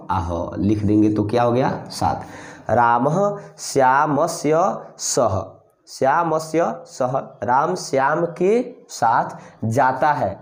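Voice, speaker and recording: A man teaching a Sanskrit grammar lesson, speaking slowly and repeating phrases as he writes on a board. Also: on the high side, a little mellow, roomy sound. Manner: slow, repeats phrases while writing on a board.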